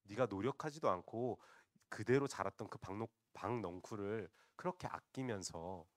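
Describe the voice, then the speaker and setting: A man's voice: fairly low pitch, moderate pace, dry recording. A man preaching a sermon, retelling a Bible story and often addressing the congregation directly.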